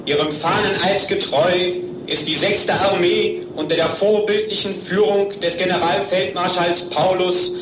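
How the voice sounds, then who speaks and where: Slow solemn man in old radio broadcast. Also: high voice, fairly even intonation. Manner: solemn, measured delivery. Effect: old 1940s radio broadcast recording. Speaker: military report newsreader. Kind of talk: formal official announcement. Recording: noisy, echoey archival radio recording.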